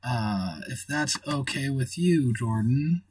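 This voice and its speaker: A man's voice: mid-range voice, lively intonation, takes it slowly, darkish tone, slightly rough, no echo, distant mic. A man hosting a livestream in casual chat, rambling and thinking aloud as he reads the chat. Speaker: livestream host.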